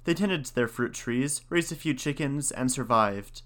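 A man reads folk tales aloud at a measured pace, then talks them over in a plain, even voice. His delivery is steady and unhurried. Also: mid-range voice. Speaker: storyteller and commentator. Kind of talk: reading folk tales with commentary.

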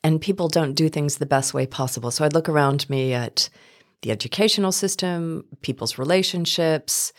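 Low-voiced woman telling her story. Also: moderate pace, hardly any pauses. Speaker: interview guest, business founder. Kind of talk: reflective personal storytelling.

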